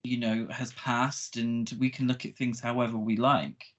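Male podcast co-host, medium pitch, conversational, slightly dull lo-fi recording. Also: flat delivery, normal speed. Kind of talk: casual film discussion.

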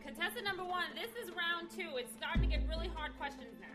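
A woman playing a fussy, mock-serious quiz show host in an improvised comedy, chiding and deliberate. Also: very high voice, loud music behind the voice.

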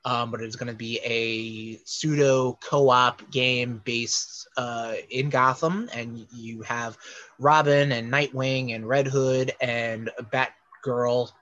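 A man's voice: medium pitch, fairly even intonation, takes it slowly, a bit bright, dull audio. A man co-hosting a casual podcast, rambling upbeat about upcoming games and teasing his co-host.

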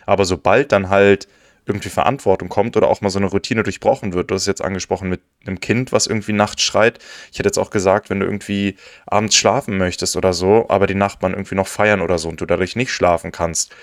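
A man's voice: deep voice, fairly even intonation, fast talker, no room sound, clean studio sound. A man hosting a casual podcast interview, asking long, hesitant questions full of restarts. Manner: hesitant, many fillers and restarts while forming questions. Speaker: podcast host.

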